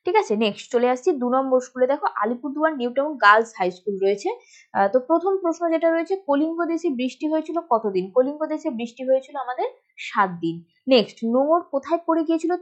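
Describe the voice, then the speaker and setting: High-voiced Bengali woman teaching. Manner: explains step by step, often checking with "ঠিক আছে?" and "বোঝা গেল?". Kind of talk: exam answer walkthrough lesson. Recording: dull lo-fi recording.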